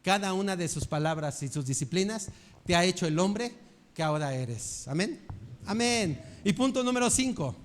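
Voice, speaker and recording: An older pastor preaching a sermon in a fairly high voice. He talks earnestly and keeps asking his listeners rhetorical questions. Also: animated, moderate pace.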